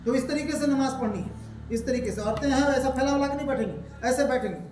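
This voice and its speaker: Echoey high-voiced male prayer teacher. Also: a little mellow, faint music behind. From India. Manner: patient, repeats points, asks student questions; slow melodic chanting of prayers. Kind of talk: step-by-step prayer lesson with recitation. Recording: echoey room, voice from far off.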